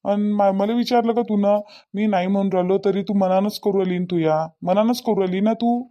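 A man's voice: sits high, fairly even intonation, a little fast, highs cut off, lightly acted. A man with a Varhadi Marathi accent voicing an indignant young husband who keeps firing questions back. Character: resentful young husband, sulky.

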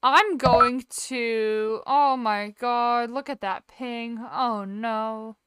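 A woman with a fairly high, steady voice speaks very slowly over background noise. She hosts a casual gaming livestream, chatting playfully with exclamations and cutting herself off. She's close to a streaming mic run through a software compressor.

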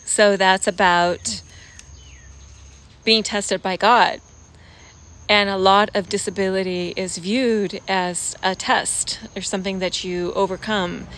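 Her voice mid-range, a bit bright, and fairly even in intonation, this American woman in her forties reflects casually to camera in halting, thoughtful bursts with pauses. She's a vlogger and US expat raised around the Pacific Basin, seated in a leafy garden and recording on an arm's-length phone, with clear outdoor sound and cricket-like ambience behind her.

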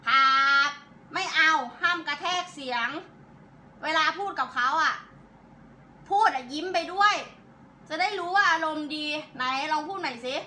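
A woman's voice: sits high, normal speed, long pauses, pushed and bright, slight background noise. A woman in a comic skit, bossily scolding and coaching someone on how to speak. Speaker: comedy sketch performer. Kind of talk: comic skit, lecturing instructions.

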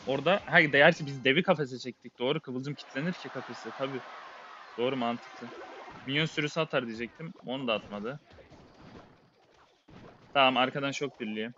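A game streamer mutters a live play-by-play as he plays, frequently sounding exasperated. His medium-pitched voice is brisk, pushed and bright, broken by long pauses, and the dull audio carries slight background noise.

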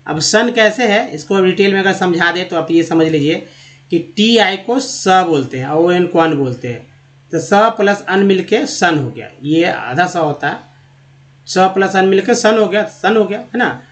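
High-voiced man teaching English phonics. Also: expressive, low-quality recording. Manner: drills words slowly, spelling out letters and asking quiz questions. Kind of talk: Hindi-language phonics lesson.

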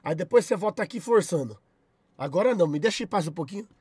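A young man with a Brazilian accent, chatting on a live stream, loud and profane, shouting thanks at his chat. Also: high-pitched, expressive, quick pace, husky, no room sound. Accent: Brazilian Portuguese.

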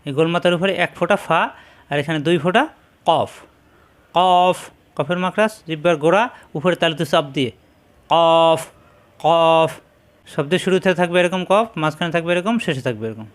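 High-pitched male teacher, slow and patient, repeats sounds and corrects them. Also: animated. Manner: repeats syllables slowly, corrects pronunciation. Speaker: Quran reading teacher. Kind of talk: slow drilled lesson.

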